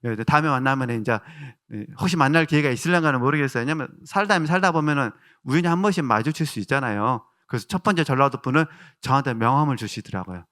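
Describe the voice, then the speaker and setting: A man's voice: medium pitch, expressive, quick pace, hardly any pauses. A male pastor with a Jeolla Korean accent preaching a sermon, telling stories and asking the congregation questions. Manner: warm storytelling with rhetorical questions to the congregation.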